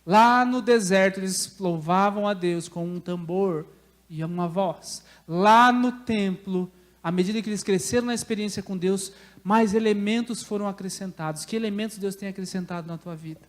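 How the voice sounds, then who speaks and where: A Brazilian man preaching a Sunday sermon as pastor, swinging between loud pleading voices and quiet stern ones. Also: high-pitched, normal speed. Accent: Brazilian Portuguese. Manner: dramatic voice swings, acting out whiny pleas and stern replies. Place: church service.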